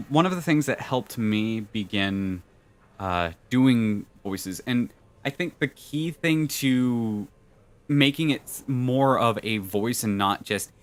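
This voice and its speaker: A man streaming a video game, talking casually in a rambling way and filling his pauses with "uh", with his pitch jumping up when he gets excited. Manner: rambling, many "uh" fillers. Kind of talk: casual let's-play commentary.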